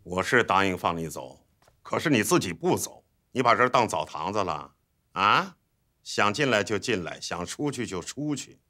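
Stern army commander, bright edgy voice, curt, mocking. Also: male voice, on the low side, very animated, moderate pace, exaggerated voice. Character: stern, sardonic military garrison commander.

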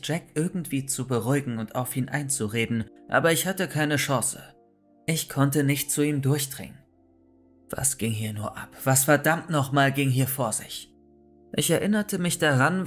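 A man reading a scripted horror story aloud, tense and dramatic, breaking into shouts when his character calls out. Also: mid-range voice.

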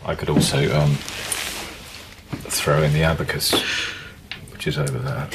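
A very deep-voiced, gravelly seller who halts and stumbles through every sentence. He is an awkward, middle-aged type in a comedy drama, and the recording carries a steady background hiss. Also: heavily acted. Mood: halting. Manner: hesitant, halting, full of ums. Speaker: seller of music memorabilia.

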